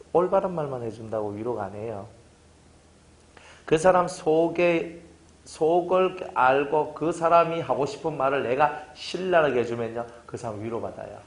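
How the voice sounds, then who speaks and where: A pastor giving a casual sermon, telling stories and acting out both sides of conversations. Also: male voice, mid-range voice. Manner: lively storytelling preacher, acts out dialogue.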